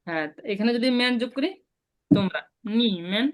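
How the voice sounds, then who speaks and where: A woman teaching a beginner Chinese lesson online, slowly drilling sounds for her students to repeat. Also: a little high, animated. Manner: patient, slow repetitive drilling of sounds.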